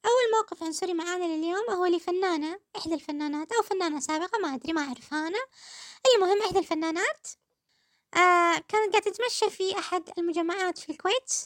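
Kuwaiti woman podcast host, quick, high-pitched, mocking commentary in a dry booth. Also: fairly bright tone, dry recording. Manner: sarcastic, addresses listeners fondly. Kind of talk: satirical commentary.

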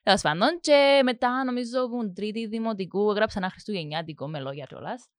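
A woman's voice: mid-range voice, dry recording, clean studio sound. A young woman with a Cypriot Greek accent, a music production student answering interview questions casually, hesitating with many fillers and mixing in English words. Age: young adult.

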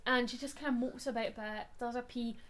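A young woman co-hosting a podcast, telling stories in a chatty, animated way. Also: fairly high pitch, fast talker, slight background noise. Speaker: podcast co-host. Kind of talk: casual chat.

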